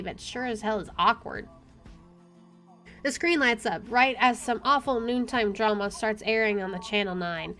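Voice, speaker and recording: Over game music, a woman streaming a game reads visual novel narration aloud in an informal way, tossing in offhand asides. Her voice is fairly high and fairly bright.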